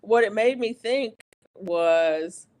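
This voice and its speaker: A livestream host chatting casually and rambling, with many restarts and fillers, who gets animated when venting. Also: mid-range voice, takes it slowly.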